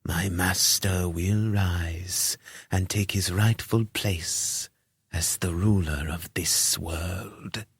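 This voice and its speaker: A man voicing a short, robed, fanatical priest who speaks with a lisp in a hushed, whispery way. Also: low voice, fairly even intonation, drawn-out words, husky, no room sound, studio quality, heavily acted. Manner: hushed, whispery, distant delivery.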